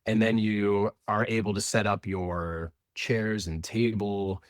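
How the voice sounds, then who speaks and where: A company representative from Indianapolis, USA, answers interview questions about his family business, explaining things and restarting frequently. His lowish voice is steady and slow, recorded dry with clean studio sound.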